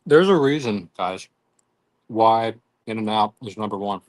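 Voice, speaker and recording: A man's voice: fairly low pitch, animated, unhurried. A man hosting a casual live cooking stream, chatting with viewers in a self-deprecating way. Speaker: grill streamer.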